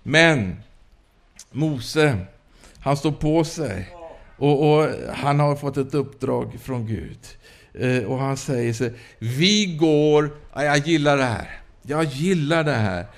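Preaching and recounting his own testimony, this man stumbles along with frequent fillers and false starts, now and then exclaiming "hallelujah." His voice sits in the middle range and has a creaky quality.

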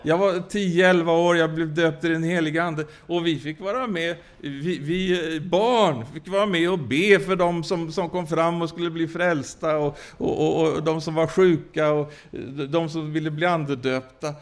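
A male preacher with a somewhat high voice delivers a sermon mixed with his own testimony. He stops and restarts often, fills gaps with hesitant sounds, and calls out hallelujah between points. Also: fairly even intonation. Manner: halting, with many fillers and restarts, exclaiming "hallelujah".

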